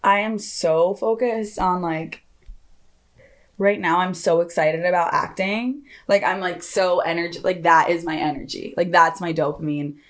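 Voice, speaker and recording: A woman's voice: on the low side, fairly even intonation, unhurried. A young woman hosting a podcast, chatting casually and rambling with lots of laughter and "like". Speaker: podcast host. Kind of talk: casual chat.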